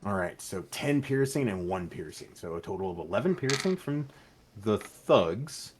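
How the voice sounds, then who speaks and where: A man narrating as game master of a tabletop game, calling for checks and describing the action in a relaxed, matter-of-fact way. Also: on the low side, moderate pace, noisy background. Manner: relaxed, matter-of-fact rules talk with fillers.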